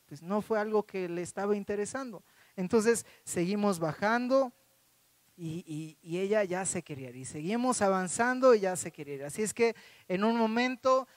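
High-voiced pastor, dry sound. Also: male voice, no echo. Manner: halting, repeats words often. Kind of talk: sermon with personal story.

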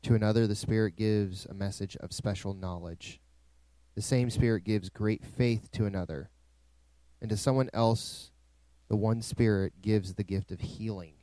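A man's voice: lowish voice, fairly even intonation, moderate pace, dark tone, dry recording. A male pastor preaching a sermon in a dry, close recording, with emphatic rising swells.

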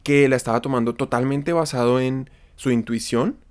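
A man's voice: mid-range voice, normal speed, darkish tone, smooth. A Colombian man chats casually as an interview guest, in a mid-range voice. His talk is full of slang and curses. He often explains things by acting out what people said. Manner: slangy, profane, acts out quoted dialogue. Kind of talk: casual conversational storytelling.

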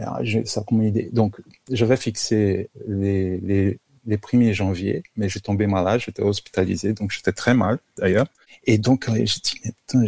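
A Brazilian-accented man talks in a casual interview, his low voice gravelly and full of fry. He hesitates, restarting phrases often. The sound is very dry and close. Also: a little mellow, no echo. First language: Portuguese. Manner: halting, many restarts and fillers. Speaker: guest, amateur photographer.

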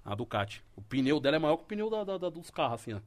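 A man's voice: fairly high pitch, very animated, quick pace. A man telling a story in a casual, slangy podcast chat. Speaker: podcast guest.

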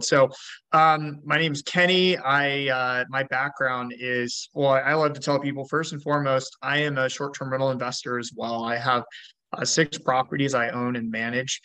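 A man's voice: mid-range voice, pushed and bright, clean tone, no echo. A man from Georgia talking as a podcast guest, chatty, with many fillers and restarts. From Georgia, US South. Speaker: podcast guest, rental investor. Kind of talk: casual interview talk.

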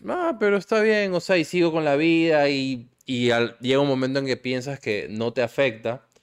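A man in casual chat, asking a question haltingly while searching for words. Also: mid-range voice, clear, resonant tone.

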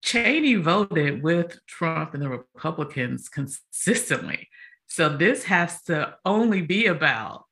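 Bright-voiced woman. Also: sits low, very animated, slow pace. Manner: laughs often, teasing. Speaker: podcast co-host. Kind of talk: casual political discussion.

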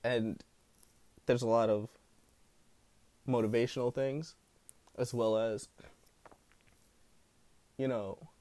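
A man with a smooth voice hosting a solo podcast in casual, rambling talk full of slang and swearing. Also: mid-range voice, fairly even intonation, takes it slowly, pauses often, dark tone, dry recording. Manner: profane, slangy. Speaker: podcast host.

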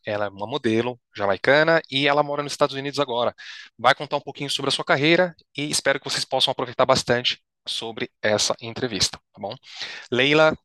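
A man's voice: medium pitch, bright, forceful tone, no echo. A man, a native Portuguese speaker, hosting an interview in a friendly manner and often repeating words as he forms his questions. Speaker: host, English teacher.

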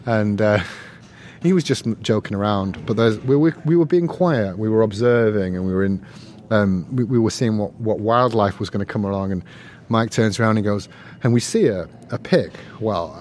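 A man's voice: lowish voice, darkish tone, a little hiss or hum. Man, casual interview guest, rambling, restarts a lot, easy laugh. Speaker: guest, researcher.

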